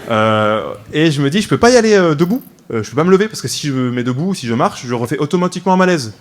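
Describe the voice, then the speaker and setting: A man's voice: fairly high pitch, expressive, quick pace. A man in his twenties performing a stand-up comedy routine, telling a story with frequent "ok?" asides to the audience. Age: 20s. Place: comedy stage before a live audience.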